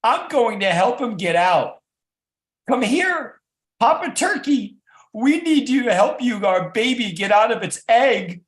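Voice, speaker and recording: A man doing a high, doting mother turkey. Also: measured pace, full character voice. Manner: high, excited, loud. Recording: echoey room.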